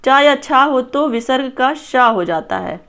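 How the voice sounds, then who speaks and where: A woman with a slightly high voice leads an exam-prep grammar lesson. She explains in a patient, repetitive way and walks through each example step by step, as if pointing at a board. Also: lively intonation, slow, a bit bright, smooth. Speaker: teacher.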